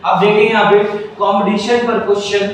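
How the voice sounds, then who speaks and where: High-voiced teacher lecturing in an echoey classroom. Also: male voice, flat delivery, normal speed, a little hiss or hum. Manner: repeats questions back to students, checks understanding. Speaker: English grammar teacher. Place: coaching classroom. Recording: echoey room, mic far off.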